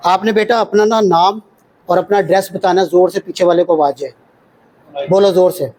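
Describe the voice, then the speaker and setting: Pakistani urdu accent guy teaching cpr, fairly high voice, counts out loud and quizzes the class. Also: fairly even intonation, moderate pace, rough recording. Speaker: CPR trainer. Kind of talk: hands-on workshop teaching. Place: training workshop room with children.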